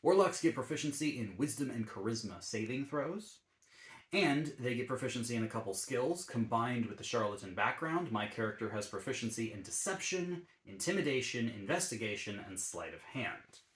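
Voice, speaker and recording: A man's voice: mid-range voice, animated, normal speed, reverberant. A man hosting his own channel, explaining a tabletop game class in an easygoing way with frequent ums and uhs. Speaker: YouTube D&D channel host.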